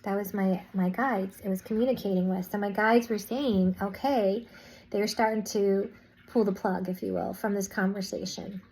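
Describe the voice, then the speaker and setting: Woman vlogger telling her story casually, lots of restarts and asides, middle pitch. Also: fairly even intonation, normal speed, darkish tone, rough recording. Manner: rambling, restarts and "I was like" asides. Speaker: spiritual vlogger. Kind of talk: casual spoken recounting.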